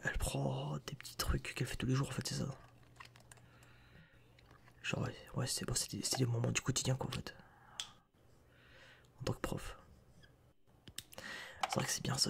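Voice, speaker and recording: A man's voice: mid-range voice, vocal fry. A man giving whispered ASMR reaction commentary as a content creator and streamer, rambling with slangy, joking asides, close to a sensitive microphone.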